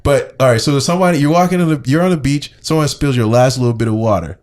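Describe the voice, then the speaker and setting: A man's voice: mid-range voice, fast, darkish tone. A man co-hosting a casual podcast chat, playful and slangy, often laughing as he tells stories. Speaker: podcast co-host.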